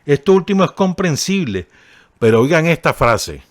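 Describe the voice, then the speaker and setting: Fairly high-pitched and sing-song, this man speaks at a normal speed in a clean studio recording without echo. With a Nicaraguan Spanish accent, he gives radio commentary on a column he's reading, keeping it conversational, asking listeners to agree and adding ironic touches.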